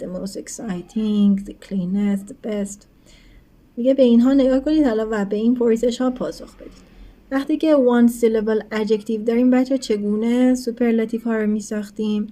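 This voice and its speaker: A woman teacher explaining English grammar in a recorded lesson, speaking quickly in her explanations and slowing right down for English examples, often checking in with her students. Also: medium pitch, mellow. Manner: switches between quick explanations and slow, deliberate English examples; addresses students as kids, asks rhetorical checks.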